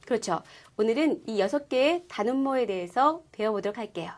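A woman teaching a language class, explaining pronunciation clearly and patiently. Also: fairly high pitch, expressive, brisk. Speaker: Korean-speaking Chinese language teacher. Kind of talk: scripted lesson presentation.

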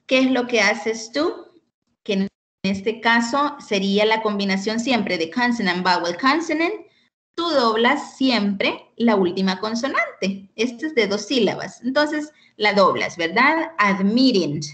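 A woman teaching an online English lesson, explaining slowly and patiently and often checking in with "ok?". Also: on the high side, lively intonation, a bit bright. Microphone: computer mic on a video call.

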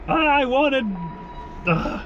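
A young man, a non-native English speaker, giving casual, expressive music commentary to camera and haltingly searching for words as he translates his thoughts. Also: very high-pitched, lo-fi sound, a little hiss or hum. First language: not English. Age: young adult. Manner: expressive, sings out rhythms in syllables. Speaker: music reaction vlogger. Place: inside a parked car in daylight.

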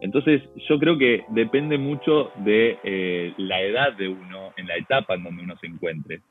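A man's voice: deep voice, moderate pace, phone-quality sound, faint music behind. A man in his thirties with an Argentine Spanish accent, chatting as an interview guest over a video call, full of fillers and restarts. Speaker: interview guest, volleyball player.

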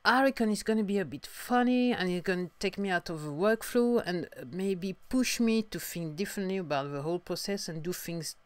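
A young adult woman from France with a French accent, talking through a casual podcast monologue in halting sentences full of restarts and fillers. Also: mid-range voice, animated, clean tone, dry recording. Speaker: podcast host, singer-songwriter.

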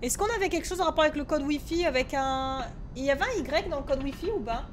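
Streaming a horror game, this woman narrates live in a fast, high-pitched voice, with a faint hum or hiss in the background. Easily startled and easily annoyed, she curses, mutters to herself, and mixes in English words.

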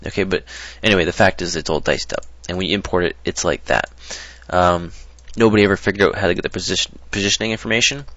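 Gravelly low-voiced man, rambling tutorial. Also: fast, hardly any pauses, fairly bright tone, no echo. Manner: rambling, hesitant, lots of ums and restarts. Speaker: modding tutorial presenter. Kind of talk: casual screen-recorded tutorial. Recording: dull lo-fi dry mic.

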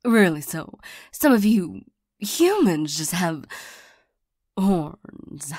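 Woman playing a slow, soft-spoken demon seductress. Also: fairly low pitch, very animated, no room sound, clean studio sound, exaggerated voice. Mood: teasing, exasperated. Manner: slow, coaxing, teasing. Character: flirtatious, lonely female demon, coaxing and easily irritated. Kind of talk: ASMR role-play. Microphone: close microphone.

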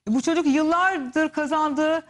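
A woman's voice: high voice, a little slow. A woman TV commentator giving heated, emphatic gossip commentary and turning to the audience as she speaks. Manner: indignant, emphatic, addresses the audience directly.

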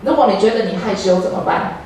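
A woman's voice: medium pitch, lively intonation, fast, a little mellow. A woman with a Taiwanese Mandarin accent preaching a sermon, earnest and encouraging toward her congregation. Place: church sanctuary. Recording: echoey church hall, distant mic, faint noise.

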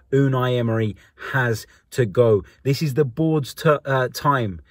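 A young man hosting a post-match video reaction, ranting bluntly and with frustration from a dark car at night, filming on a phone held close. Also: mid-range voice, no room sound. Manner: frustrated, blunt, rapid opinion rant. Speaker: host.

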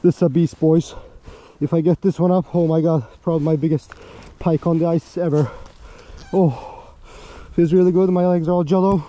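A man fighting a fish on a frozen lake pours out breathless, excitable commentary to his viewers. He talks in a high, intense, forceful voice, outdoors in the open air. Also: moderate pace. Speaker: fishing vlogger. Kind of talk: excited live commentary while ice fishing.

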